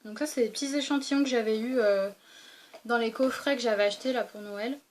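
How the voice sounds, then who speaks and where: Fairly quick and steady in tone, this young woman's fairly high voice comes with slight background noise. She's a beauty vlogger casually presenting her weekend travel toiletries, chatty, with many fillers and restarts.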